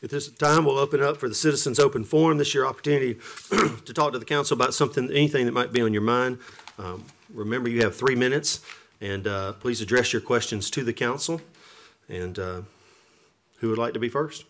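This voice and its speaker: A man chairing a council meeting as mayor in a measured, formal manner. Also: mid-range voice, vocal fry, a bit bright.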